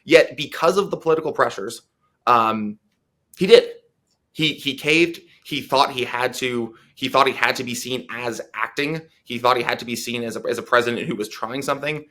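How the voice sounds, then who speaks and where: A man's voice: mid-range voice, moderate pace, sharp tone. A man as a policy analyst guest in a political interview, talking earnestly with many fillers and restarts.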